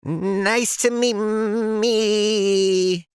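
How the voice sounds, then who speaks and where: A man's voice: high-pitched, steady tone, very slow, smooth, no room sound, studio quality. An actor playing a shy, self-doubting young male pen in a cartoon, stammering and anxious. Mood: dejected. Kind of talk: animated cartoon voice acting.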